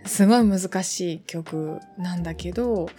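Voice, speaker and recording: A woman's voice: lowish voice, measured pace, dark tone, soft background music. Chatty young woman podcaster. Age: 20s. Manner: chatty, rambling with many fillers and asides. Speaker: podcast host. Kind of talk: casual solo podcast talk.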